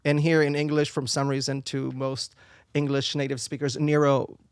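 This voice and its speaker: A young Israeli man, a native Hebrew speaker with an Israeli accent, is a singer and performer chatting as a podcast guest in a casual interview, often pausing to search for English words. His mid-range voice is level and clean at normal speed, in a dry, clean studio recording.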